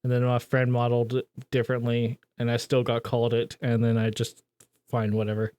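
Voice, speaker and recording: A man's voice: mid-range voice, monotone, fairly quick, darkish tone, smooth, no room sound. A man co-hosting a podcast, talking in an offhand, self-deprecating way. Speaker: podcast co-host. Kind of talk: casual chat.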